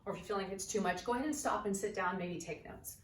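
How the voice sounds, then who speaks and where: A woman yoga instructor leading an exercise lesson, energetic and coaxing, out of breath as she bounces on a trampoline while she talks. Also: mid-range voice, fast talker, a little hiss or hum. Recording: roomy, distant camera mic, faint ambience.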